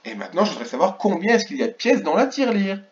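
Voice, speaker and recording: A kindergarten teacher runs a remote lesson for young children, counting aloud and carefully sounding out syllables in a high, sing-song, rapid-fire voice. The recording is dull and lo-fi.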